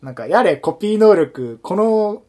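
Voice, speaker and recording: A man's voice: sits high, moderate pace. A man on a podcast in casual chat, telling a story and acting out the quotes as he goes. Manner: animated storyteller, acts out quotes. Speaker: podcast co-host.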